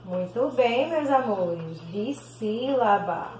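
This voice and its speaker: A Brazilian woman gives a recorded primary school lesson, drawing out each word syllable by syllable at a very slow pace. Her voice sits a little high, and it rings in an echoey room. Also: expressive, darkish tone, a little hiss or hum. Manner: slow, sounds out words syllable by syllable, calls pupils "meus amores". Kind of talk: recorded video class.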